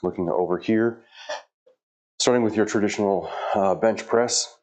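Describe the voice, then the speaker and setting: Setting up a workout in his home gym, a middle-aged fitness vlogger chats casually to the camera in a lowish, darkish voice at normal speed. He talks to himself and grows a little flustered over equipment trouble, with a little hiss or hum on the audio.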